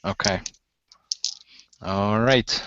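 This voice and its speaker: A man's voice: lowish voice, drawn-out words, fairly bright tone, clear, resonant tone, no room sound, dull audio. A man narrating as game master of a tabletop role-playing game, often laughing and hesitating with fillers.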